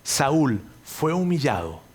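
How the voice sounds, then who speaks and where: A man preaching a sermon, earnest and pleading, repeating his phrases and telling the story with sudden loud and quiet turns. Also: a little high, very animated, takes it slowly, breathy edge.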